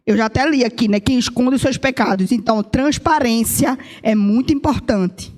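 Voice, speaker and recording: A woman with a Brazilian Portuguese accent delivers a sermon in a high voice. She speaks emphatically, draws out important words, and asks her listeners questions directly. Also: a little mellow, big-room sound. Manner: emphatic, stretching key words out slowly. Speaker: preacher.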